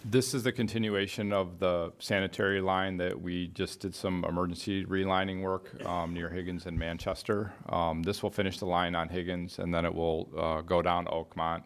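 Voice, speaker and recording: A man who works as a municipal department official, informally explaining matters at a meeting with halting, hesitant phrasing. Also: low voice, little pitch movement.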